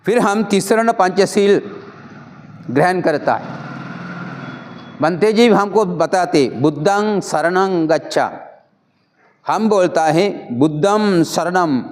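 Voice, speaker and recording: A man's voice: high voice, a little mellow, a little hiss or hum. A man, a Buddhist monk, giving a Pali pronunciation lesson and patiently repeating and correcting each word.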